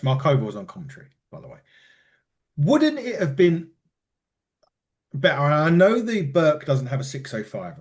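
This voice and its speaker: A man co-hosting a podcast in casual chat about wrestling, rambling and animated, often laughing and restarting sentences. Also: a little high. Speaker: podcast co-host.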